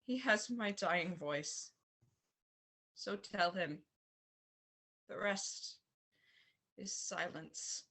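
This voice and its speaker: A woman's voice: mid-range voice, expressive, drawn-out words, vocal fry, long pauses, fairly bright tone, husky, full character voice. A woman playing a dying young prince in a Shakespeare reading, with a faint, fading deathbed delivery close to a whisper. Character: dying young prince Hamlet, anguished and vengeful. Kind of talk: dramatic Shakespeare read-through.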